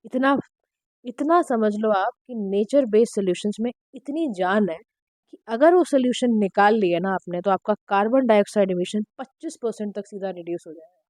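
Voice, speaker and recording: A woman teacher, giving an exam-prep lecture in a direct, instructive way, her throat slightly hoarse. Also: medium pitch, expressive, normal speed, a little mellow, no echo. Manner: direct, instructive, mixing Hindi and English. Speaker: current affairs teacher.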